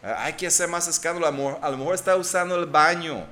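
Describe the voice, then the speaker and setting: A man's voice: a little high, fast talker, pushed and bright, slight background noise. A man voicing a bold male prophet mocking his rivals.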